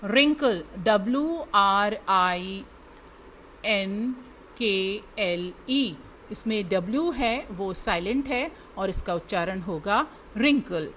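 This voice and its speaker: Indian woman teacher spelling words slowly. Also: medium pitch, lively intonation, a bit bright, a little hiss or hum. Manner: spells letters slowly, then repeats each word; addresses students directly. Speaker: English teacher. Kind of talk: classroom lesson spelling words aloud.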